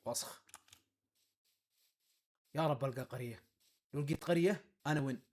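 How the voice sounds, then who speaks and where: This man talks fairly quickly in a mid-range voice, a gaming YouTuber narrating a relaxed let's-play. Faint game music plays behind him as he excitedly and playfully addresses both himself and the in-game animals.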